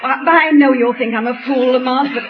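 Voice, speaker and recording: Vintage radio drama, actress as worried refined young lady, very high voice, earnest, muffled recording. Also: steady tone, brisk, close to an everyday voice. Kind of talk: 1930s radio drama acting. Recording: dull old radio recording with music.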